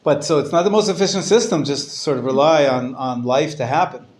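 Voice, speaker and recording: Halting rabbi giving a conversational class. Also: male voice, fairly high pitch. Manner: hesitant, halting delivery with frequent restarts; conversational, asks and answers his own questions. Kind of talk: informal lecture to a live class.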